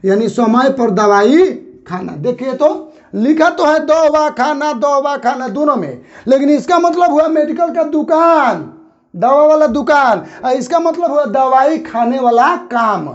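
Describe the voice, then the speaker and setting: A man teaching a grammar lesson, saying example words again and again and slowing on them to show where the pause falls. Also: very high-pitched, expressive, dull audio.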